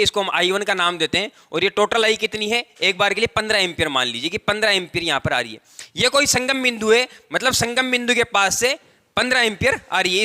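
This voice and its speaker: A man's voice: high voice, bright, forceful tone. A male tutor giving a lecture, explaining step by step and repeating key phrases, stretching out words for emphasis. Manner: explanatory, repetitive, drawn-out stressed words. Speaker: technical tutor. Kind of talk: classroom lecture at a whiteboard.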